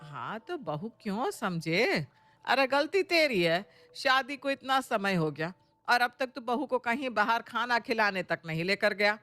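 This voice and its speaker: A woman's voice: a little high, big pitch swings, unhurried, dry recording, faint music behind, full character voice. A woman playing a kind, motherly mother-in-law. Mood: scolding. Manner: gentle, coaxing, motherly. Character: kind, caring middle-aged mother-in-law. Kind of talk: audio storybook acting.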